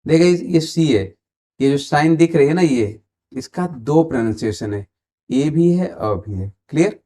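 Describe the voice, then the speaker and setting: A man's voice: on the high side, expressive, a little slow, warm tone. A man with an Indian accent teaching English grammar online, mixing Hindi and English and quizzing viewers while he waits for their answers. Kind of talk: online exam-prep grammar lesson.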